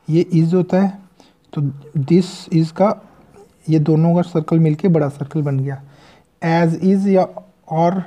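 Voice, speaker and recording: Shorthand tutor, unhurried delivery, deep mellow tone, breaks each word into single sounds. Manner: patient step-by-step explaining, spelling words out sound by sound. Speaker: shorthand teacher. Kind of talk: recorded lesson.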